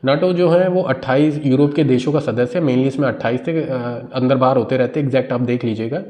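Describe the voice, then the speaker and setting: Working from a newspaper, a man teaches English by reading each phrase slowly in an Indian accent, then explaining it word by word in Hindi. His voice sits at medium pitch and sounds mellow.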